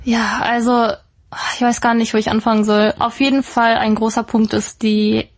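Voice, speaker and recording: A woman's voice: on the high side, flat delivery, moderate pace. A woman in her twenties from Germany, chatting casually as an interview guest with lots of fillers. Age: 20s. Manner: chatty, many fillers, laughs easily. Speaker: guest, YouTuber and presenter.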